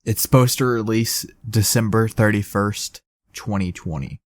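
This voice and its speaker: Young man co-hosting, animated and chatty. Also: fairly low pitch, a little slow, no echo, clean studio sound. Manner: animated, acts out movie quotes. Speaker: podcast co-host. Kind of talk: casual chat.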